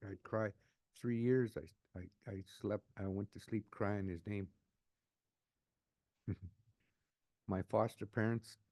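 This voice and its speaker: A man in his sixties telling his own life story, unscripted and emotional, often halting and repeating words as he restarts a phrase. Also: fairly low pitch, warm tone, dry recording, clean studio sound. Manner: emotional, earnest. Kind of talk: personal testimony, unscripted.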